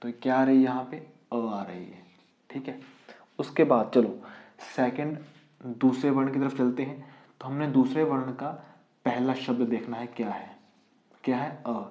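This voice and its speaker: A man's voice: mid-range voice, a little slow, long pauses. Male teacher quizzing his class, roomy. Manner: explains step by step, asking and answering his own questions. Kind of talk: online exam-prep lesson. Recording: dull, roomy lo-fi recording.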